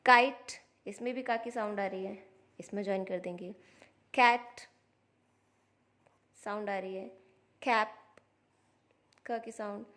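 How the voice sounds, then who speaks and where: This parent, a woman with a slightly high voice, offers a laid-back vlog tutorial on phonics for children. She goes patiently through each step, voicing the letter sounds.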